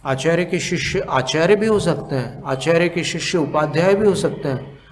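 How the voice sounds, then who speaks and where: A monk giving a sermon, explaining slowly with long pauses, asking the audience questions and chanting scriptural verses in a drawn-out cadence. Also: male voice, a little high, slight background noise. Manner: asks the audience questions to teach. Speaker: monk giving a religious discourse.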